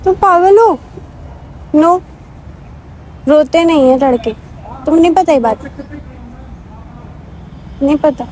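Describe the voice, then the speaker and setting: A woman's voice: high voice, animated, takes it slowly, pauses often, mellow, a little hiss or hum, low-quality recording. A young woman talking a man as she vlogs, pleading and soothing, mixing into her speech and repeating herself often. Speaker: vlogger. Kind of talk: emotional staged vlog conversation.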